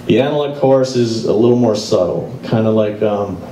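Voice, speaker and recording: A man's voice: fairly low pitch, warm tone, a little hiss or hum. A middle-aged man giving a casual live guitar clinic in a music store, speaking into a handheld mic and explaining as he plays. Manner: casual and explanatory, pausing to play examples. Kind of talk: live demonstration talk. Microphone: handheld microphone. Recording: roomy live sound from a distance. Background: guitar playing.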